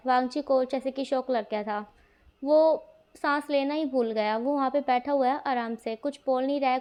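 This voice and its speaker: A woman's voice: high voice, darkish tone, smooth. A woman reading out a fan story in a chatty, casual storytelling way, with frequent fillers. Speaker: fanfiction reader.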